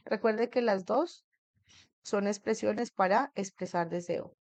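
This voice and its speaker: Woman, English teacher, classroom lesson, quizzes the class, mid pitch, dry sound. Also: slow, darkish tone, no room sound. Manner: keeps checking in with the class, asking questions.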